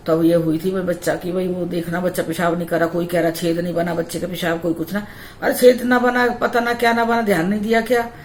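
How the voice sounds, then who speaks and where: A woman's voice: lowish voice, little pitch movement, a little fast, echoey room, a little hiss or hum. A young adult woman vlogger telling a personal story in a chatty, repetitive way. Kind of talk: casual storytelling.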